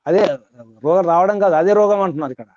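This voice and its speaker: Man, spiritual teacher, mellow higher voice, repetitive, quizzes listeners, dull dry sound. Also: fast talker, no echo. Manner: repetitive, quizzing listeners, chanting Sanskrit verses. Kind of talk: spiritual discourse to a class.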